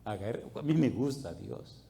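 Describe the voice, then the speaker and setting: Warm-voiced storytelling pastor, man. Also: unhurried, gravelly. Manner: animated, colloquial storyteller who swings into loud, high bursts. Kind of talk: storytelling sermon.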